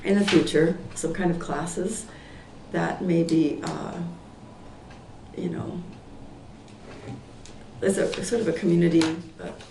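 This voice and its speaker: A woman from Portland, Oregon, in her sixties, presents a plan as an applicant at a public meeting in an indoor community room, rambling unscripted with plenty of fillers and self-corrections. Her voice is failing and she clears her throat; it's low, gravelly and steady, slow, with frequent pauses. She sits far from the table microphone, so the room's echo and faint noise come through.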